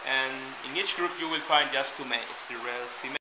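A man's voice: mid-range voice, fairly quick. Guy guiding a cave tour, keeps checking ppl follow, echoey and off-mic. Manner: often checks understanding with tag questions. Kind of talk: informal guided tour explanation. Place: inside and at mouth of a cave. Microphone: handheld camera a few steps away. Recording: echoey cave, distant camera mic, loud noise.

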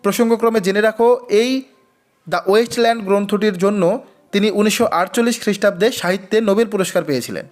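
A man's voice: high-pitched, fast. A man teaching an exam-prep quiz lesson, reading each question twice before giving and explaining the answer. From West Bengal.

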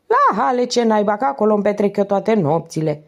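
A woman reading aloud and voicing a loud, cheeky male vagrant who talks with easy familiarity. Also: medium pitch, lively intonation, pitched above the performer's own voice.

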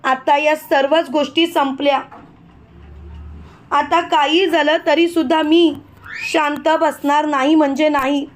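Loud stubborn mother-in-law, scolding, woman reading it high. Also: steady tone, unhurried, a little hiss or hum. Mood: angry.

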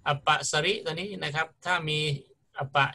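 A man's voice: a little high, fairly even intonation, normal speed, pushed and bright. A middle-aged man lecturing on grammar in a patient, explanatory way, often checking in with his students. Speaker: university lecturer.

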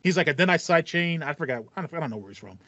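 A young podcast host with a fairly high, sharp voice talks at a racing, animated pace, casually telling stories and acting out how he reacted. The sound has no echo but its highs are cut off, recorded indoors in a small home room with a foam panel.

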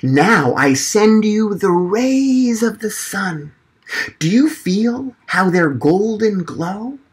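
A shy, dreamy field mouse poet from a storybook, played by a man, recites as if on a stage. The delivery is unhurried and theatrical, with a lively melody and a soft husky edge. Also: high-pitched, full character voice.

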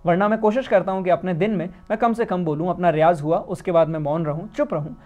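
A man, a music teacher, giving calm spoken advice on voice care to singers, often adding a tag question. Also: high-pitched, fast talker, phone-quality sound. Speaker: singing teacher. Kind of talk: spoken music lesson to camera.

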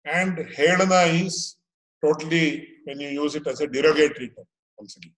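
A man in his fifties with a South Indian accent giving an informal scriptural lecture, explaining haltingly and rephrasing as he goes, with Sanskrit terms. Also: on the high side, a bit bright. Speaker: religious teacher. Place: small indoor room at home. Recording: echoey room, webcam-style pickup.

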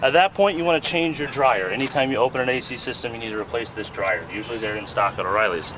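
A man's voice: medium pitch, fast talker. A man hosting a car vlog who explains a repair in a casual, joking way while working outdoors beside a car. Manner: joking, self-mocking and chatty while working. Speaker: host. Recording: noisy outdoor recording with engine noise.

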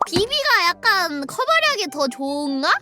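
A young woman with a very high, animated voice chats casually to her stream viewers. She is playful and giggly, speaking as though fighting back laughter, with music playing behind her. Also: a little slow. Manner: giggly, as if trying not to laugh. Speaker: live streamer.

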